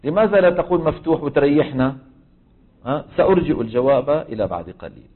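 A man's voice: fairly high pitch, expressive, fast. Man teaching over a tinny line. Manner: quizzes the class with constant questions, then answers them himself. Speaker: Quran recitation teacher. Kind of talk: classroom lesson.

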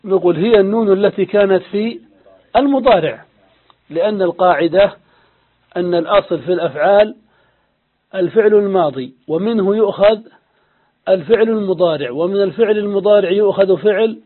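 A high-voiced man gives a patient classroom grammar lesson, repeating each rule and putting questions to his students. The sound is thin and tinny, as if it came down a phone line. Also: fairly quick, long pauses. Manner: patient, explanatory, repeats key rules and asks the class questions. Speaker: Arabic grammar teacher.

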